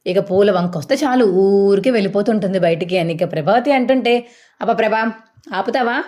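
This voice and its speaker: A woman's voice: medium pitch, dark tone. A woman casually retelling a TV serial episode, acting out the dialogue as she goes. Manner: rapid, acts out dialogue. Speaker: storyteller.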